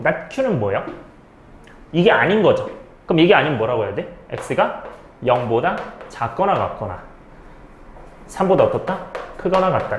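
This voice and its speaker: A man's voice: mid-range voice, roomy sound, a little hiss or hum. A male math teacher giving a step-by-step lecture, asking questions and answering them himself, often checking in with students. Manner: keeps checking in with students, "okay?".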